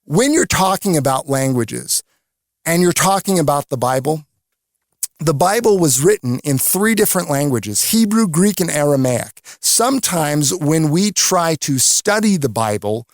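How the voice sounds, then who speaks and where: Guy teaching bible on a radio devotional, earnest, dry sound, kinda high pitched. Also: expressive, measured pace, dry recording. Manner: earnest, explanatory storytelling.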